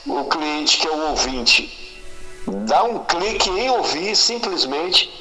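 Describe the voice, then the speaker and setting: A man on a phone call, his voice coming through a speakerphone. He sounds bright and forceful. He explains patiently and makes everyday comparisons, as a guest on a talk program. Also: on the high side, very animated, slow, faint music behind. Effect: heard over a phone on speakerphone. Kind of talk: explaining by phone in casual conversation.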